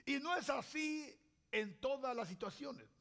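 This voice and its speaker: A man preaching a sermon in a slow, deliberate way, pausing often and asking rhetorical questions. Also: very high voice, expressive, vocal fry, a bit bright.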